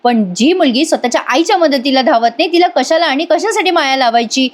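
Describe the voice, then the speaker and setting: A reproachful older aunt from a TV drama lists a young woman's failings, voiced by a woman recapping the show. The voice stays high and stern. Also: fairly quick, close to an everyday voice. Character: older aunt voicing bitter disappointment.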